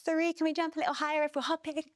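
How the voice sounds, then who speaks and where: A young woman instructor calls out reps and cues in a fairly high, bright-sounding voice, a bit winded as she works through the moves herself. The sound is dry and close, with no room echo. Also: very fast. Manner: energetic counting and cueing. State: out of breath. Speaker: fitness instructor. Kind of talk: workout class cueing.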